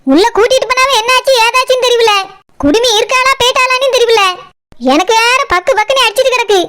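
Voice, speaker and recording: A voice actor playing a selfish, bossy woman house owner in a cartoon. She mutters and scolds fast in a Kanyakumari Tamil accent. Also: extremely high pitch, sharp tone, slight background noise. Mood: grumbling. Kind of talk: cartoon voice acting.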